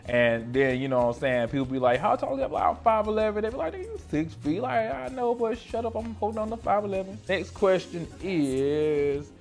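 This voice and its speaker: A man's voice: brisk, vocal fry, hardly any pauses, soft background music. A man, answering questions about himself in a casual, slangy vlog, talking close to the camera in a small room. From North Carolina, USA. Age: 30s. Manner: playful, slangy, animated, jumps between loud exclamations and low asides. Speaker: esthetician vlogger. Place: small room lit by colored lights. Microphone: camera in front of him at close range.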